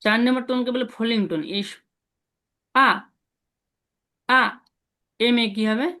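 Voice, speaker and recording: A patient man leads an online language lesson over a video call. He repeats each sound slowly and clearly so his students can copy him, with a steady, encouraging pace. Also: extremely high pitch. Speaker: language teacher.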